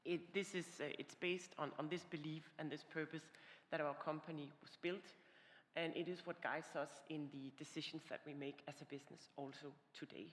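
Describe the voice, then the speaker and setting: A woman from Denmark speaking on a conference panel as a company executive, measured and hesitant. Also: sits low. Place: large hall on a conference stage. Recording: reverberant hall with faint noise.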